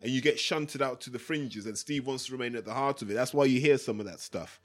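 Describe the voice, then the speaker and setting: A British man hosts a casual, opinionated podcast. He explains things in a matey, sweary way, at a medium pitch. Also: quick pace. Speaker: podcast host.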